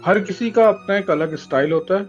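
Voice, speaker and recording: A man co-hosts a podcast in a high voice, trading jokes and quick agreements before making his point earnestly. The sound is muffled and lo-fi, with faint music behind. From Pakistan. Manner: joking, quick backchannels, earnest when explaining. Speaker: podcast co-host. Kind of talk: casual chat. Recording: dull lo-fi recording with faint music.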